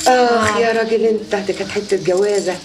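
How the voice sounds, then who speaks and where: Actress doing chatty egyptian mom bragging about her husbands, fast talker, kinda far from the mic. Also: mid-range voice, steady tone, background noise, close to an everyday voice. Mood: gossiping. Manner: chatty, gossiping, dramatic exclamations. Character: boastful middle-aged mother, gossipy much-married storyteller. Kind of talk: TV comedy series acting.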